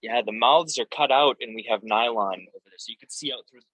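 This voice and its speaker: Husky guy musician, lots of uhs and ums, dry close audio. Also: medium pitch, fast, fairly bright tone, no echo, poor audio. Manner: hesitant, filler-heavy. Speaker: musician guest. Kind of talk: casual interview chat.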